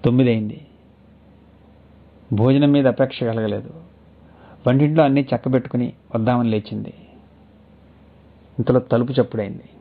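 A man narrating a written story in a measured, literary reading style. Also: medium pitch. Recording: tinny phone-like audio.

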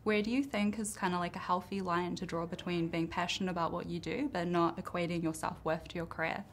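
A woman's voice: lowish voice, fairly even intonation, fast talker, slight background noise. A woman interviewing actors, asking questions in a friendly, upbeat way. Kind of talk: press junket interview questions.

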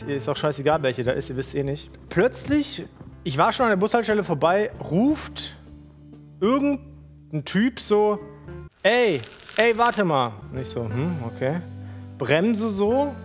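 A man from Germany, a streamer, telling a story in a slangy, animated, casual way. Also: sits high, normal speed, soft background music. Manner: slangy and animated, acts out quotes.

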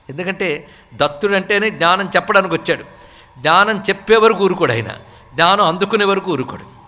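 A man giving a devotional discourse, slowly reciting Sanskrit verses and then explaining them. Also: high-pitched, sharp tone, big-room sound. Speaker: spiritual discourse speaker.

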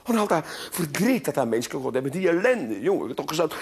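A man's voice: on the high side, sing-song, fairly quick, creaky, slightly rough, exaggerated voice. A man with a Flemish accent voicing a worried mother who scolds and coaxes her boy. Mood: coaxing. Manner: pleading, scolding, coaxing.

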